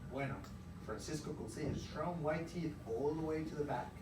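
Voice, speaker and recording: Recorded from afar in a roomy, noisy classroom, this male teacher speaks at normal speed in a higher-than-average voice. He brings a storybook to life for his young pupils and stops to ask them encouraging, emphatic questions as they go.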